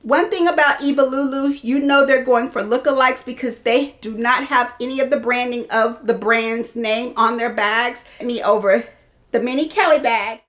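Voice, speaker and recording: A woman in her thirties, voice fairly high and a little bright, talks at a moderate pace as she casually displays products for her viewers like a fashion vlogger. She's in a small room whose walls are lined with clothes and bag shelves.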